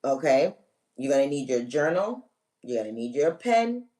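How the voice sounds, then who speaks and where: On a live stream, a spiritual reader with a warm, very animated medium-pitched voice talks viewers through a ritual at a moderate pace. Steps come in a casual, emphatic coaching style with direct commands and frequent check-ins, recorded slightly away from the mic.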